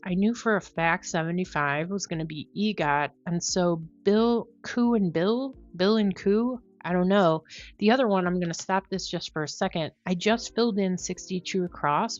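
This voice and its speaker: A woman thinking out loud in casual commentary on a puzzle, musing and questioning herself as she explains. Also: lowish voice, no echo, dull audio. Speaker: host of a crossword solving video.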